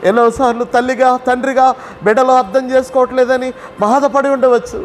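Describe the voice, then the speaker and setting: A man's voice: very high voice, level tone, fairly quick. A male pastor preaching a Sunday sermon, pleading and consoling through long strings of repeated rhetorical questions. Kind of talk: Sunday sermon with sung refrains.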